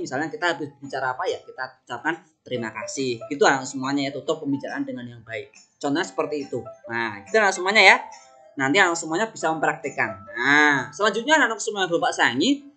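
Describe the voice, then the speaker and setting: Bright-voiced male teacher coaxing small kids. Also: a little high. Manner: coaxing, asks questions and answers them himself. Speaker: religious education teacher. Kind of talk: online lesson for young children.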